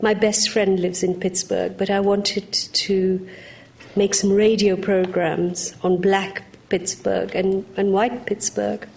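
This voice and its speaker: A woman from Uganda speaking on a panel, telling personal stories in a lively, frank way. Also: medium pitch, creaky. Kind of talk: anecdotal panel discussion.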